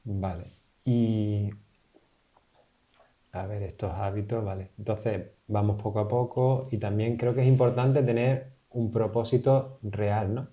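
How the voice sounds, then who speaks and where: Male podcast host, low and very mellow dark voice, casual and tentative. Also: steady tone, measured pace. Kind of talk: conversational interview.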